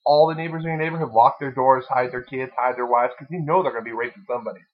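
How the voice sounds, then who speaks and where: Joking podcast guy, crude and playful, kinda husky, lo-fi sound. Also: mid-range voice, racing. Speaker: podcast co-host. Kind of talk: casual comedic chat. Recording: dull lo-fi sound.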